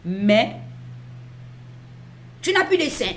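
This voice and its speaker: A woman's voice: on the high side, very animated, extremely slow, a little hiss or hum, full character voice. A woman doing an alarmed motherly doctor. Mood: reassuring. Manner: motherly, calls patient "my daughter". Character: worried middle-aged woman doctor, motherly.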